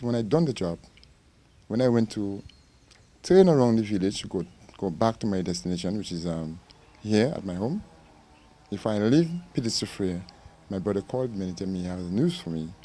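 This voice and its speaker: A middle-aged man from Dominica talks in a dark, mellow voice. He speaks with passion and returns to the same points in a news interview. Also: on the low side. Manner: impassioned, repetitive. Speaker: interviewee, victim's uncle.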